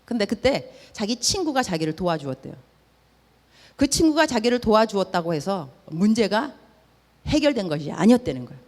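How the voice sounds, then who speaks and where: A woman missionary preacher tells stories in a sermon, her mid-range voice moving fairly quickly through a large hall. With lively energy she acts out the characters' dialogue and slips in English words.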